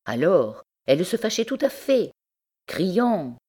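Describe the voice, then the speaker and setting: Low-voiced woman reading a story. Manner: measured, expressive storytelling. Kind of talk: audiobook narration.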